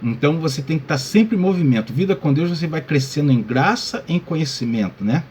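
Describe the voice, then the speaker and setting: A man's voice: on the high side, lively intonation, fairly quick, a little mellow, a little hiss or hum. A male pastor teaching a Bible lesson in a casual way, full of little check-ins like "tá?" and addressing listeners as brother. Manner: casual, many fillers like "tá?" and "né?".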